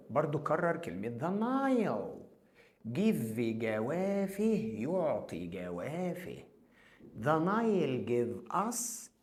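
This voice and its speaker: A medium-pitched man with an Egyptian Arabic accent runs an English review lesson for children. He says each English word slowly and then gives its translation.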